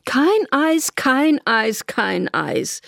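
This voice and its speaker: A woman's voice: on the high side, big pitch swings, very slow, vocal fry, sharp tone, no room sound, studio quality, voice pushed up, full character voice. Woman doing a giddy, dramatic young woman.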